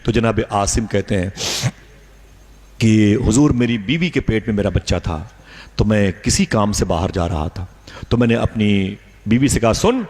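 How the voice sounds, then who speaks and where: Male preacher, storytelling sermon. Low voice, emotive and dramatic delivery. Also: measured pace, a little mellow, breathy edge.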